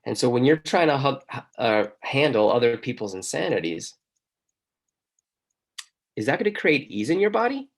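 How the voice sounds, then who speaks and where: A man's voice: mid-range voice, sing-song, moderate pace, long pauses. A man hosting a talk show, speaking in an emphatic monologue and asking the listener many questions. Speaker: host. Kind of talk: motivational monologue.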